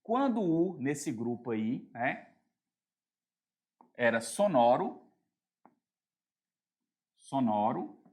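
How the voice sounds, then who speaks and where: A man's voice: medium pitch, sing-song, very slow, pauses often, darkish tone. A man with a Brazilian Portuguese accent teaching an exam-prep grammar lesson, explaining step by step and often checking that students are following.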